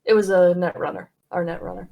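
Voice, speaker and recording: A woman's voice: lowish voice, steady tone, fast talker, creaky, warm tone. A woman chatting casually while playing a tabletop role-playing game, rambling with fillers and laughs.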